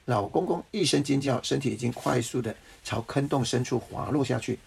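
A man reading a children's story aloud to a child, pausing to ask the listener questions. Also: mid-range voice, gravelly, slightly rough. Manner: gently asks the listener questions.

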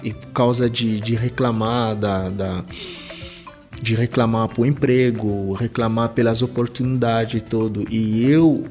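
A young man from DR Congo, telling his story as an interview guest with halting speech and many fillers. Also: mid-range voice, fairly even intonation, darkish tone, faint music behind. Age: young adult. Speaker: interview guest, visual artist. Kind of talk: casual interview answers.

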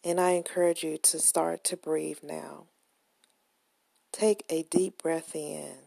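A woman leads a relaxation meditation very slowly, her lowish, mellow voice soft, gentle and soothing with a breathy, husky texture. Her pitch barely moves, and she is close to the mic in a dry space with no room sound, giving unhurried, calming instructions.

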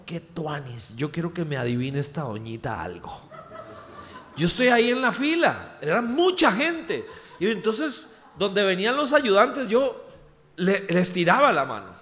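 A man with a Costa Rican accent preaching, telling a humorous personal story in an animated way. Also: sits high. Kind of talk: storytelling sermon. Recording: reverberant hall.

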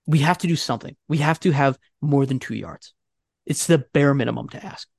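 A man co-hosting a casual sports podcast, ranting with a fan's exasperation and talking in quick bursts full of fillers. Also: medium pitch, creaky, husky, no echo, clean studio sound. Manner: animated, exasperated fan ranting.

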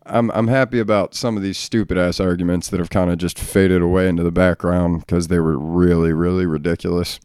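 Man, podcast host, blunt, profane, ranting, smooth resonant voice. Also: deep voice, fairly even intonation, a little fast, hardly any pauses, a little mellow, no echo, clean studio sound. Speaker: father. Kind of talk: casual solo podcast talk.

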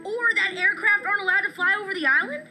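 A woman voicing an excitable, self-promoting teenage vlogger in an animated series, showy and chipper. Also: very high voice, quick pace, soft background music, heavily acted. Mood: excited.

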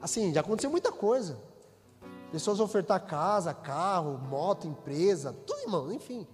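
A man's voice: sits high, big pitch swings, normal speed, big-room sound, faint music behind. A man preaching a sermon as pastor in a church, acting out quoted dialogue and building to bursts of intensity.

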